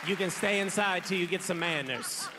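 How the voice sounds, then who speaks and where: A man's voice: high voice, normal speed, in a large hall, a loud crowd, heavy background noise. A man in his thirties doing a stand-up set, talking bluntly in a loose, irritated, conversational way. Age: 30s. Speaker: stand-up comedian. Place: large theater stage.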